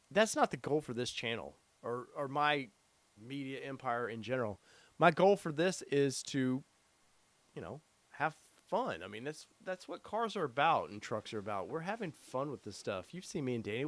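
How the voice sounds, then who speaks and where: There's no room sound around this middle-aged man's medium-pitched voice as he hosts a casual live stream. The podcast host rambles, reads the chat aloud, and packs his speech with fillers. Tiredness is wearing his voice down, and he's losing it.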